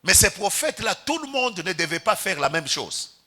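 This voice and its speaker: A man's voice: high voice, sing-song, normal speed, sharp tone. A Congolese pastor preaching a sermon in church, calling out to the congregation and stretching his key words for emphasis. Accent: Congolese French.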